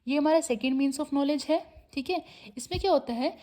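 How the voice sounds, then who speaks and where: A woman teaching an exam-prep lecture, often adding a checking tag and reading English definitions slowly with an Indian English accent. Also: high-pitched, mellow.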